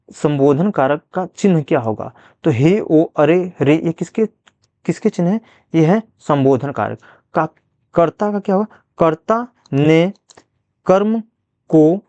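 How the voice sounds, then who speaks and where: A man's voice: fairly high pitch, a little mellow, no echo, highs cut off. A man teaching a Hindi grammar revision lesson, asking questions and then answering them himself, repeating each answer. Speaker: exam prep teacher.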